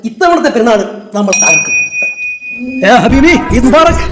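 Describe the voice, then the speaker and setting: An actor as a high-pitched, jovial young Malayali man. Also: lively intonation, moderate pace. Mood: cheerful. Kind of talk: comedy sketch acting, casual banter. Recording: roomy echo, loud music behind.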